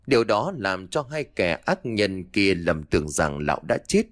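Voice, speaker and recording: A man narrating a dark audiobook story in an expressive, dramatic way. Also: low-pitched, normal speed, no room sound, clean studio sound.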